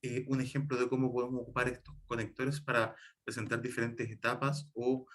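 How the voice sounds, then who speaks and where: A man from Chile delivers an online lecture, explaining patiently and piece by piece. His voice sits at a middle pitch, and he often pauses on fillers and restarts his phrases as he works through each point. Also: flat delivery, fairly bright tone. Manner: explanatory, with frequent fillers and self-corrections. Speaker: teacher.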